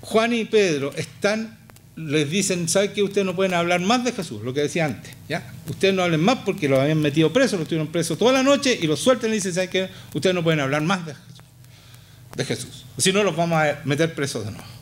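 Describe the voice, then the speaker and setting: A middle-aged man with a Chilean Spanish accent preaching a passionate sermon in a church, swinging from low to high with emphatic repetition. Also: expressive, a little fast, a little hiss or hum. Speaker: pastor.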